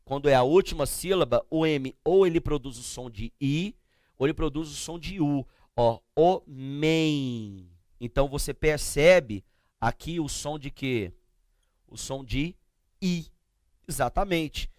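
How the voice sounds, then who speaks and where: High-voiced Brazilian male teacher. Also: darkish tone, no room sound, studio quality. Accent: Brazilian Portuguese. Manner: asks the class questions and answers them himself; slow and emphatic, spelling out letters and sounds. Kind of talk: classroom grammar lecture.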